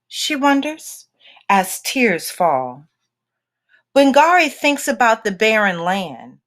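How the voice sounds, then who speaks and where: A woman speaking in a mid-range voice narrates a children's picture book. Her delivery is careful and expressive, with dramatic pauses woven through the story.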